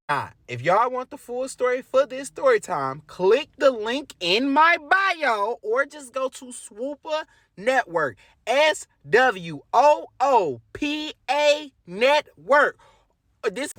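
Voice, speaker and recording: A man's voice: mid-range voice, sharp tone, no echo. A young man, telling a profane, comic storytime from his parked car. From Detroit, USA. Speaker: vlogger, storyteller. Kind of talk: casual storytime vlog.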